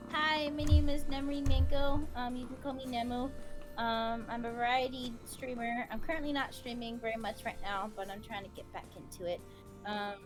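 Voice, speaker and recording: Brief: young woman streamer, shy and hesitant, soft delivery, music clearly behind. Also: medium pitch. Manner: hesitant, many "um"s, soft-spoken. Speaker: streamer and artist. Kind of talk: shy self-introduction.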